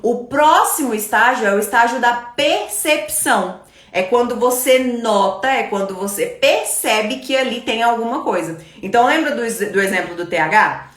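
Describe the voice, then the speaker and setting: Female teacher, live lesson, expressive higher voice, slow emphatic repeats, roomy sound. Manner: explanatory, repeats key phrases, slows for emphasis. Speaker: English teacher.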